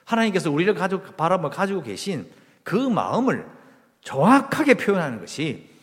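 A man's voice: sits high, very animated, a little fast. A male pastor preaching a Sunday sermon, emphatic and firing rhetorical questions at the congregation. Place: church sanctuary. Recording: long reverb of a church hall.

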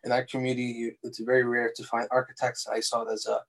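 A young architectural designer, a native Farsi speaker, is being interviewed as a guest. His gravelly, mid-range voice answers in a relaxed but halting way, full of fillers and restarts.

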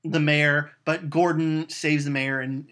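A man chatting casually as he retells a film's plot in an animated way, with lots of um fillers and acted-out lines of dialogue. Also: fairly high pitch, unhurried. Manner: animated storytelling, acting out quotes, frequent "um" fillers. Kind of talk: casual chat retelling a film.

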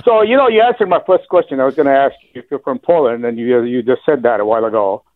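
A man's voice: medium pitch, quick pace, dry recording. A man from Minnesota calling in to a radio show, a teacher talking in a friendly, rambling way. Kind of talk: phone-in chat. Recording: dry tinny phone line.

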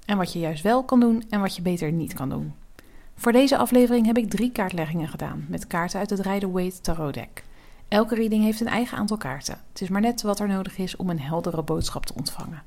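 Casting: woman podcast host and tarot reader, medium pitch, calm, measured scripted narration aimed at one listener.

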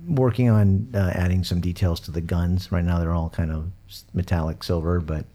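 Male hobby podcaster, deep and mellow, informal, easygoing, a bit jokey. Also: steady tone, normal speed. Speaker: podcast host. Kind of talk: casual hobby chat.

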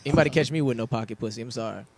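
A man talks very quickly at a medium pitch in a casual group chat. He circles back on his phrases, using plenty of slang and profanity. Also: crowd noise.

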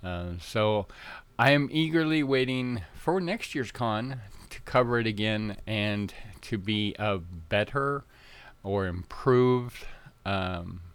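A podcast host chats casually and rambles, stumbling through fillers and restarts as if a little tongue-tied early in the morning. His voice is fairly low, slow and smooth, with no room sound.

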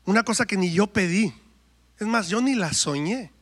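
A man's voice: sits high, animated, normal speed, slightly rough. A man, a worship singer telling his story and preaching in church, acting out quoted dialogue. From Mexico. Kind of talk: testimony and sermon.

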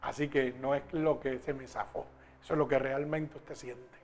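A male preacher delivering a sermon, fervent and emphatic, swelling loud as he reads scripture. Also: mid-range voice, fairly even intonation, normal speed, soft background music.

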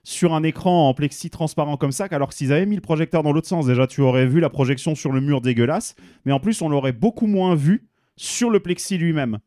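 A man's voice: on the high side, brisk, dark tone, no room sound, studio quality. A man in a podcast chat, explaining projection technology in a matter-of-fact way. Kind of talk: casual podcast discussion.

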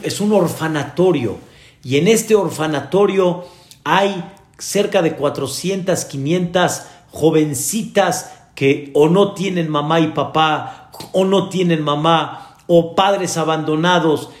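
Rabbi telling a story in a sermon, high voice, slow and earnest, echoey room. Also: male voice. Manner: earnest preacher addressing the congregation directly.

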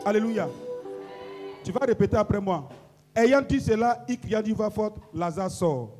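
Man, pastor, sermon, call-and-response, slow delivery, loud music behind. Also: high-pitched, lively intonation. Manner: swings from quiet instruction to shouted declarations. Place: church service. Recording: loud worship music underneath.

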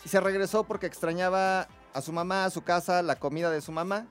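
A man's voice: high-pitched, steady tone, a little fast, clear, resonant tone, soft background music. A man with a Mexico City accent, chatting in enthusiastic, slangy casual banter. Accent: Mexico City Spanish. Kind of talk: casual banter among friends.

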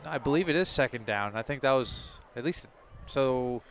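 An American man with a medium-pitched voice works as color commentator at a football game. He analyzes plays conversationally from an outdoor, windy perch on the press box. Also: expressive, moderate pace. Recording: windy outdoor stadium broadcast.

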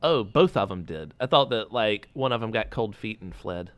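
A man co-hosting a casual podcast, easygoing and rambling, thinking out loud as he talks. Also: fairly low pitch, animated, normal speed, smooth, no echo. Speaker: podcast co-host. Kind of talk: casual chat.

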